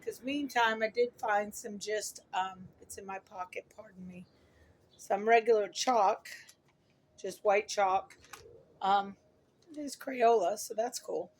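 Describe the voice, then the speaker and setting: A middle-aged woman with a hoarse voice from talking a lot, chatting casually and ramblingly to her viewers as she corrects herself. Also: medium pitch, takes it slowly, slight background noise. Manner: rambling, self-correcting, chuckles at own remarks. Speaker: vlogger. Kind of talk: casual chat to camera.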